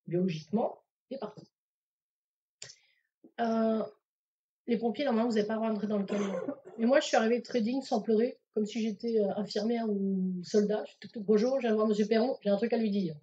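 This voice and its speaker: A woman giving a public talk as a medium, telling a personal story in a chatty, animated way with many fillers and acted-out dialogue. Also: fairly high pitch. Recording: dull lo-fi audio recording.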